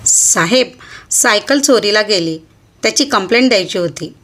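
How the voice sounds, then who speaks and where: Lady playing a scared poor mom, pleading softly, slow and unsure. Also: medium pitch, lively intonation. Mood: timid. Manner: timid, pleading. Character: poor timid widowed mother, working woman.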